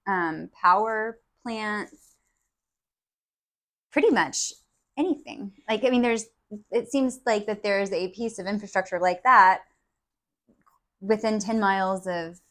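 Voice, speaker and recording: A woman's voice: mid-range voice, takes it slowly, long pauses, fairly bright tone. A woman co-hosting a podcast, talking in a chatty way with frequent ums. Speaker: podcast co-host. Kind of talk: casual podcast chat.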